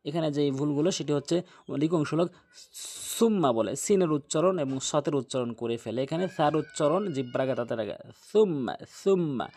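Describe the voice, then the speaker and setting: A man teaching Quran recitation, chanting verses slowly and drawn out, then explaining pronunciation mistakes briskly. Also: fairly high pitch, darkish tone.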